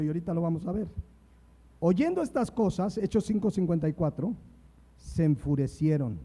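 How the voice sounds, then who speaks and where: A man's voice: sits high, warm tone. A man preaching a sermon, reading scripture aloud and retelling it with emphasis. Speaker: pastor.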